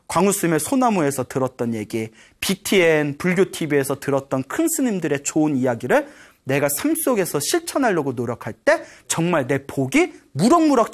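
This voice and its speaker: A monk giving a Buddhist dharma talk, telling a story and acting out its dialogue, often checking in with listeners. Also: male voice, a little high. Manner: lively storytelling, acts out dialogue; frequent rhetorical "예?" checks with audience.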